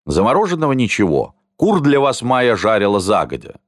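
A man's voice: mid-range voice, huge pitch swings, brisk, no echo, studio quality. A man doing a grumpy, fussy man. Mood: displeased. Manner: disapproving, grumbling. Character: grumpy fussy adult man, easily displeased.

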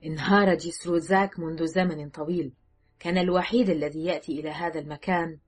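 A woman narrator voicing a grieving father who is holding a gun and speaks in a slow, hard, deliberate way. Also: low voice, steady tone, husky, soft background music. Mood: fierce.

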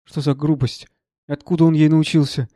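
A man's voice: fairly high pitch, level tone, fairly quick, mellow, no echo, studio quality, close to an everyday voice. A man reading as a fretful elderly professor. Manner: agitated, earnest, pleading. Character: troubled gentle elderly male professor.

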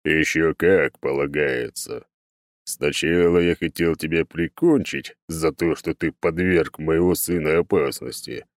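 An actor voicing an ancient, boastful male oak god who speaks slowly and smugly in an audiobook. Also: extremely low pitch, steady tone, no echo, studio quality. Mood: grave. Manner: slow, drawn-out, self-satisfied delivery. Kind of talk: audiobook character voice.

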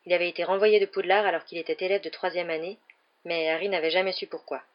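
A woman narrating a children's novel aloud in a steady, measured storytelling voice, with a dull lo-fi sound. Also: on the low side. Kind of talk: audiobook narration.

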